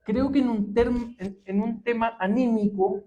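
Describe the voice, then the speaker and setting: A history professor giving a public talk, unhurried and full of pauses and fillers. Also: male voice, very high-pitched, fairly even intonation, dark tone, lo-fi sound. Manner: measured, many pauses and fillers.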